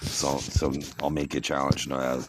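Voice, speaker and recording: A man's voice: very deep voice, little pitch movement, a little slow. A man giving casual, rambling commentary while he plays online poker, often restarting and repeating himself. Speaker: online poker player and streamer. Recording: loud background noise and clicks.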